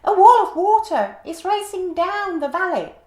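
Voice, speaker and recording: A woman voicing a gentle, shy male giraffe with a squeaky, high voice, reading a children's storybook aloud in an echoey room. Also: big pitch swings, normal speed. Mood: alarmed. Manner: urgent, earnest.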